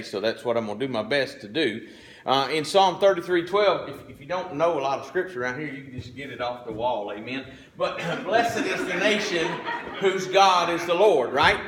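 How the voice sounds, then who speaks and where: A middle-aged male pastor delivers a sermon in a loose, folksy manner, tossing in asides and checking in with the congregation. He clears his throat often as he goes. His voice sits somewhat high for a man. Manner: folksy, conversational preaching with frequent asides.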